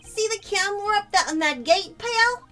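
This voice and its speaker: Brash gruff cop guy, put on by a woman, high and loud, says pal a lot, faint music behind. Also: animated, normal speed, exaggerated voice. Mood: blustering. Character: gruff blustering male police detective.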